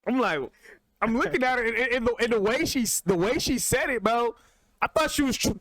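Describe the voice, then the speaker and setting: Young male podcast co-host, high voice, dry close sound, slangy and animated storyteller. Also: brisk, dry recording. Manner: animated, slangy, voice jumps up when excited. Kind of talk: casual storytelling.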